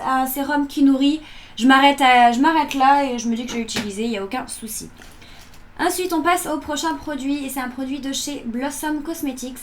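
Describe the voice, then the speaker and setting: A woman in her early twenties chatting informally as she presents beauty products in a casual vlog review. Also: sits high. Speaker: beauty box unboxing vlogger. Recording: electric fan noise in background. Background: whirring electric fan.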